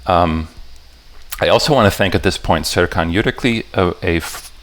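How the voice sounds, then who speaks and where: Here a puzzle setter at a convention speaks in a low, slightly bright voice. He halts, backtracks, and rephrases mid-sentence, occasionally turning to the live audience to ask if they're following.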